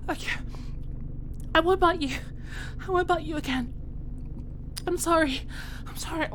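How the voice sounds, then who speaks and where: A woman playing a wounded, proud but frightened captive warrior-monk in a dramatic audio role-play, stammering and breathy as she protests. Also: very high voice, noisy background. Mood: pleading. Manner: halting, stammering, pleading and protesting.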